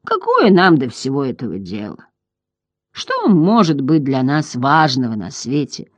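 A reader voicing an ancient giant female turtle, hoarse and gurgling, who drawls slowly and sinks into whispers. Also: medium pitch, huge pitch swings, no room sound, muffled recording. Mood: weary, indifferent. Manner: slow, drawling, fading to whispers. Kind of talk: audiobook character voice.

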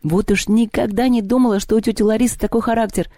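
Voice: medium pitch, fairly even intonation, fast, warm tone, no room sound, studio quality, pitched above the performer's own voice, lightly acted. A reader voicing a prim girl who muses aloud and is easily flustered. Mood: musing.

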